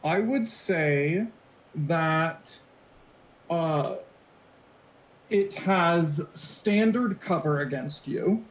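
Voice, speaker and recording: A man running a tabletop game as game master, making rulings with pauses and restarts. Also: fairly high pitch. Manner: hesitant rulings, thinks aloud. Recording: roomy echo.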